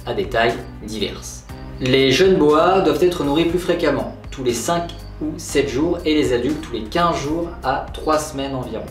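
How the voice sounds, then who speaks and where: A man giving a formal, instructive scripted narration in the style of a nature documentary. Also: mid-range voice. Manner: didactic, formal phrasing. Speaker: presenter of an animal care video. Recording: roomy echo, distant mic, background music. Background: music.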